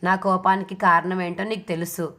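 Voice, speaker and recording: A woman reading the part of a patient young wife who speaks softly and with resignation. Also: on the low side, level tone, a little fast. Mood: resigned.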